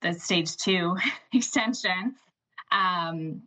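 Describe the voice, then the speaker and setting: Bright, forceful woman councillor. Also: lowish voice, very slow, poor audio. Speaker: city councillor. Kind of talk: interview answer.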